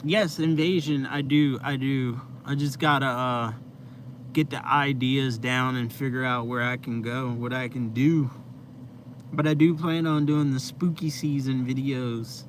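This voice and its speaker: A young man chats with his viewers during a casual live stream inside his van, rambling in a laid-back way and using lots of fillers. His mid-range voice keeps a steady tone at a measured pace, and the recording carries noisy vehicle ambience.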